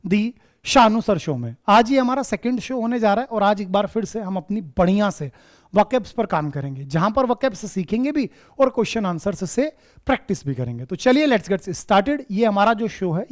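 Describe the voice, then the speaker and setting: A man's voice: sits high, animated, fairly quick. A man hosting a vocabulary lesson for exam students, fondly calling them "my child" and "dear", mixing English words into his explanations and repeating quiz questions back. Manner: mixes English words into Hindi teaching. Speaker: vocabulary teacher and show host.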